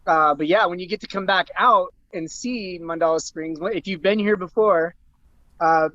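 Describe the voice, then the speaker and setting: A man's voice: sits high, moderate pace, bright, forceful tone, lo-fi sound. A man co-hosting a breathwork session, talking in a reflective, rambling way with many fillers on a group call. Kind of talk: casual group video call chat. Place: home on a mountain by a stream.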